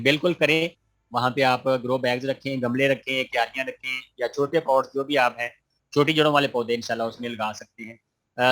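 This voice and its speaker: Answering questions read aloud from his students, an online gardening instructor stays patient and encouraging, friendly in tone with lots of religious phrases. His voice is medium-pitched and fairly bright.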